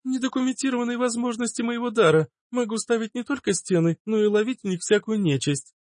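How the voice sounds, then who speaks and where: A man's voice: extremely high pitch, brisk, darkish tone, dry recording, studio quality, pitched above the performer's own voice. A man voicing a boastful young woman with a magic gift in an audiobook, talking in a chirpy way.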